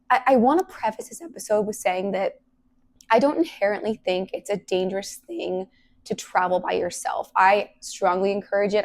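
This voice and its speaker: A young woman hosts a solo podcast, her medium-pitched voice hoarse and partly gone from illness. She talks casually and earnestly, filling her speech with lots of "like."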